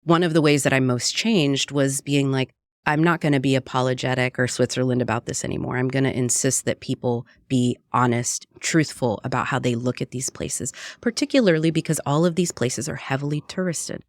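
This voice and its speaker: A woman's voice: rumbling low, dry recording, clean studio sound. A woman from Puerto Rico, a cookbook author and radio producer, talking earnestly and reflectively in an interview. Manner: earnest and reflective, frequent "right?" tags. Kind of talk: conversational interview.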